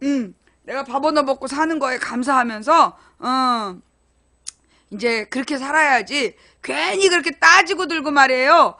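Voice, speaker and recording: A middle-aged woman broadcasting to her viewers, chatting casually and telling lively stories about home life, acting out quoted arguments and laughing as she goes. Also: high-pitched, normal speed. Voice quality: chatty, laughing, animated storytelling. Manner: acts out quoted arguments in a raised voice. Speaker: online broadcaster.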